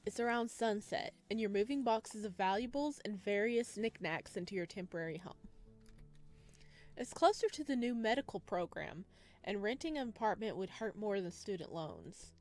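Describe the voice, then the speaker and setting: A woman with a mid-range, darkish voice hosts a gaming video, reading visual novel narration aloud and tossing in casual asides. Music plays behind her voice.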